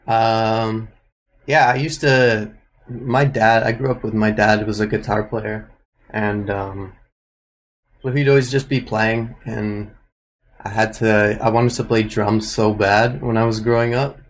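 A young Canadian man, a music producer, answers interview questions in a relaxed manner, thinking aloud with plenty of fillers. His voice is lowish and a little slow, and the poor audio carries a slight hiss or hum.

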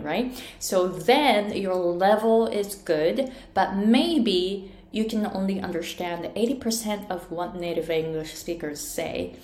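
A woman's voice: mid-range voice, a little mellow. Bilingual woman coaching pronunciation, roomy echo. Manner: demonstrates sounds by exaggerating them.

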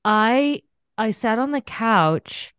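A woman's voice: fairly high pitch, slow pace, clear, resonant tone, no room sound, clean studio sound. A woman podcast host and coach, chatting casually and animatedly in an interview, telling stories about herself and laughing often. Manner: animated storyteller, self-deprecating, laughs often.

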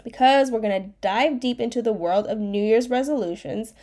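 This young woman's voice is a little high and warm, though nasal from a cold. She's a life coach hosting her own podcast, chatting casually and rambling on her own.

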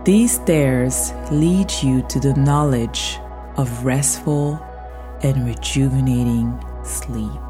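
A woman guiding a sleep meditation like a slow soothing countdown, hushed and trailing off toward a whisper, as a podcast host. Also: very deep voice. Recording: soft music behind the voice. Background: soft music.

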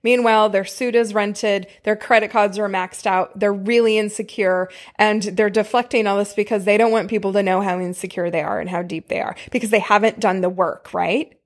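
A woman's voice: medium pitch, steady tone, moderate pace, hardly any pauses. A woman hosting a spiritual self-help podcast, talking to listeners in a chatty, emphatic way. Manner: chatty, emphatic, addresses listeners with pet names. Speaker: podcast host. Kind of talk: spiritual self-help podcast talk with read-out book passages.

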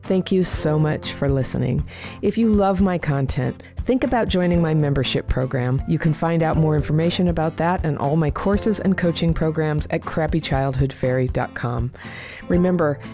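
Low, gravelly-voiced woman giving earnest advice. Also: moderate pace, dark tone, soft background music. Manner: earnest, encouraging, plain-spoken. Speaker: channel host and coach. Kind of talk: direct-to-camera advice talk.

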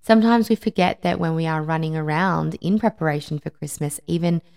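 A woman's voice: deep voice, brisk, gravelly, a little mellow, clear, resonant tone. A woman podcast host talking conversationally and empathetically, giving personal advice with emphatic repeated words. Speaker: podcast host, life and wellbeing coach.

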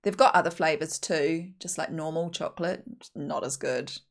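Low-pitched, blunt New Zealand woman podcasting. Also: normal speed. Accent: broad New Zealand. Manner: blunt, opinionated, emphatic. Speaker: podcast host. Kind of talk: casual solo podcast commentary.

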